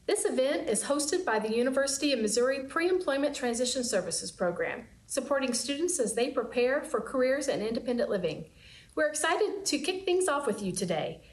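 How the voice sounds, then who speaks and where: A woman's voice: high-pitched, lively intonation, fairly quick. A woman hosting an event, giving scripted opening remarks. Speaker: event host. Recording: echoey room.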